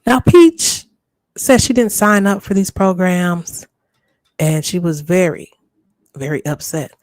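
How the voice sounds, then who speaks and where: A woman's voice: lowish voice, measured pace, no room sound. A woman hosting a gossip reaction channel, reading aloud and commenting casually.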